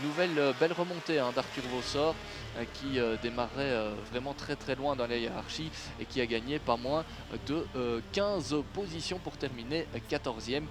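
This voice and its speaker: A man working as a motorsport commentator, calling a live kart race with lots of hesitant filler sounds. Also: medium pitch. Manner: hesitant delivery, frequently padded with drawn-out filler sounds. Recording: noisy trackside sound with engines. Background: outdoor ambience and vehicle noise.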